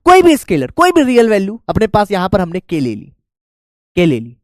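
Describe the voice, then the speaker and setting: A man's voice: high voice, wildly swooping pitch, normal speed, no echo, studio quality. A male maths teacher giving a lesson who coaxes his students and keeps checking that they follow. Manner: coaxing, keeps checking students follow, calls them "beta".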